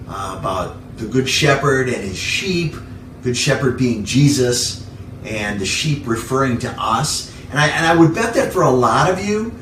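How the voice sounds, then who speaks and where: A pastor delivers an informal, conversational sermon from his living room at home, repeating key phrases for emphasis. His voice is mid-range and slightly bright, captured by a distant mic in an echoey room with faint noise.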